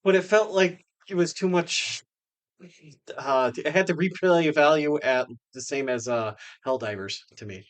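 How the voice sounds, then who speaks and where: A man's voice: a little high, a little slow. Man chiming in eagerly on a podcast. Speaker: podcast co-host. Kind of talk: casual chat.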